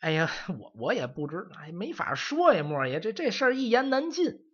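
A man's voice: high voice, wildly swooping pitch, fairly quick, fairly bright tone, slightly rough, exaggerated voice. A man voicing a young male mage apprentice who makes plaintive, sighing excuses. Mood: sheepish. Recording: dull lo-fi audio.

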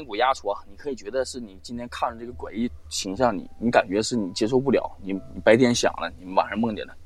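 Dry audio captures a man of medium pitch telling a ghost story as a guest on a live-stream show. He swears freely and brings the quoted lines to life in a lively, chatty retelling.

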